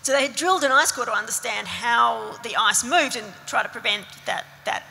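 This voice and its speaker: A woman scientist recounts a story on a panel stage in a chatty, easygoing way. Her voice sits a bit high, bright, with creak. A long hall reverb trails behind her handheld mic. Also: brisk. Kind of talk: panel discussion answer.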